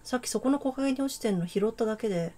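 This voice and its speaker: A woman voicing a laid-back, teasing, boyish girl in a game, speaking in a put-on Kansai-style dialect with a relaxed drawl. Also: on the high side, fast. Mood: easygoing. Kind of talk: game dialogue read aloud.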